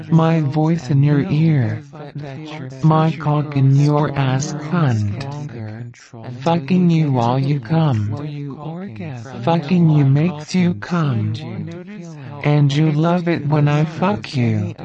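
A man narrating a hypnosis recording in a slow, commanding, repetitive way. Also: a little high, lo-fi sound.

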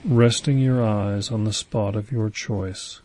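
Slow, soothing low-voiced male hypnotist. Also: fairly even intonation, darkish tone, slight background noise. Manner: slow, soothing, repetitive suggestions. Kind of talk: guided hypnosis induction.

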